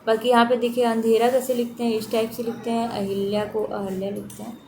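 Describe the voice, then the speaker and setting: Coaching teacher, woman, raised pitch, repetitive explain-and-confirm delivery, noisy recording. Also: a little fast. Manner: steady, repetitive drilling of correct spellings. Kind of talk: online exam-prep lesson.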